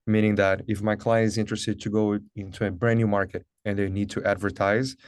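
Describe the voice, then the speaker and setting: A Brazilian man in his thirties whose first language is Portuguese discusses his career as a guest on a video call, in a conversational interview or webinar. Upbeat and earnest, he peppers his speech with "like" and "uh." His fairly low voice is a little mellow and smooth, a little fast, with little pitch movement, in a dry, studio-quality recording.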